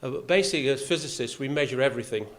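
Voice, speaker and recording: Rapid-fire and fairly bright, a mid-range male voice belongs to an older Yorkshireman, faintly accented, giving a talk as golf club vice captain. He addresses the audience in the clubhouse function room with dry humour at his own expense and lots of "uh"s.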